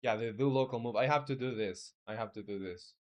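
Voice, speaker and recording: A man's voice: medium pitch, fairly quick, a little mellow, dull audio. A man from Chile, a game developer on a live stream, thinking aloud as he codes and chatting with viewers. He hesitates a lot, with many fillers and restarts, and answers his viewers in a friendly way. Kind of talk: casual live-stream coding chat.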